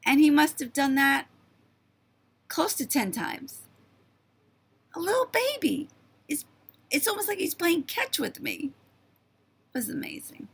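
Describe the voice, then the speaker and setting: Fifties lady vlogging, slow and chatty, gravelly hoarse voice that swoops all over. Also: high-pitched. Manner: chatty, animated, marvelling storyteller. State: voice going hoarse. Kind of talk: casual storytelling to camera.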